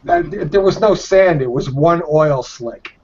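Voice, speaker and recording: A man's voice: on the high side, a little slow, a crowd in the background. Rambling man reminiscing in lo-fi audio. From Boston area, Massachusetts. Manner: rambling, reminiscing, swears casually. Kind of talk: casual chat. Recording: dull lo-fi sound.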